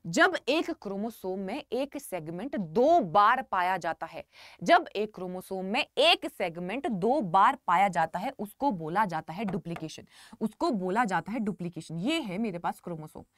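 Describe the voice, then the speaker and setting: Woman teacher, animated up-and-down voice, dry close sound, repeats key words. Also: mid-range voice, moderate pace, no echo. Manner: repetitive, emphatic, addresses students as children. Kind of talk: online lecture.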